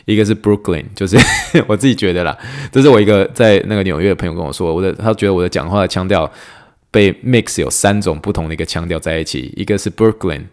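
A man hosting a casual podcast, a physical therapist who talks fast and laughs often, slowing down for English phrases. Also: deep voice, darkish tone. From Taiwan. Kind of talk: casual podcast monologue teaching clinical English.

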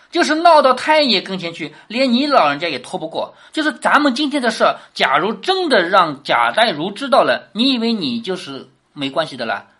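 Lively woman lecturing, quick and animated. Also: fairly low pitch. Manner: lively, keeps asking rhetorical questions. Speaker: literature teacher. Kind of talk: lecture explaining a classic novel.

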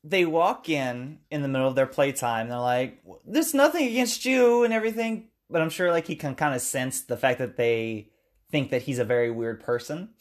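A man of ordinary pitch talks easily through a film's story, stopping now and then to act out a line. His delivery is relaxed and conversational, the tone of a friend chatting on a podcast. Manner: retells scenes at length, acting out lines in quick character voices. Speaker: podcast co-host recapping a movie. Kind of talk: casual chat.

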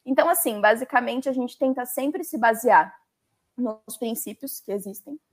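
Brief: young Brazilian woman, guest, chatty and lively, fairly high voice. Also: moderate pace. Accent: Brazilian Portuguese. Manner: chatty, lively, uses many fillers. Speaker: legal coordinator, guest. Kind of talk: conversational interview.

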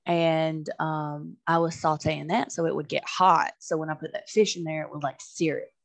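A woman's voice: low voice, normal speed, gravelly, no room sound. A young adult woman co-hosting a podcast in casual chat, telling stories with lots of swearing and acting out what people said. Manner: animated storyteller, swears freely, acts out quotes. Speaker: podcast co-host.

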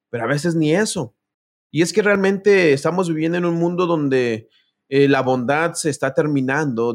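Male preacher, slightly high voice, storytelling sermon that speaks right to the listeners. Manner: storytelling, addresses listeners directly; reads scripture aloud.

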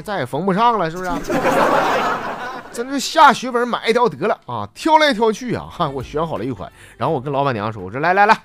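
A man's voice: a little high, wildly swooping pitch, quick pace, hardly any pauses. A man, hosting a podcast and reading listener jokes aloud, chuckling through the punchlines and acting out the quoted lines. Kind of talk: comic joke reading. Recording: loud music bed under the voice.

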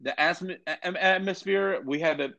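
A man's voice: high-pitched, moderate pace, vocal fry, bright, forceful tone, lo-fi sound. Profane stammering man. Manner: profane, stammering, repeats words. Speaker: podcast guest. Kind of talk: casual chat.

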